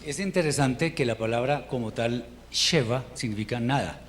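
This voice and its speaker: A man teaches Hebrew reading rules in an unhurried, patient way, stopping to restart his sentences. His voice sits in a middle pitch range. A faint background hiss runs under the recording. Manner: patient, explains step by step with pauses and restarts. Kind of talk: informal language lesson.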